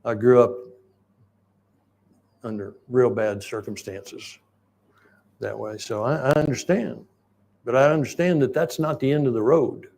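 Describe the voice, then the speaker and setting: A man, preaching a sermon in a folksy, rambling storytelling way and clearing his throat now and then. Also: medium pitch, unhurried, pauses often, a little mellow. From Oklahoma, United States. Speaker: pastor.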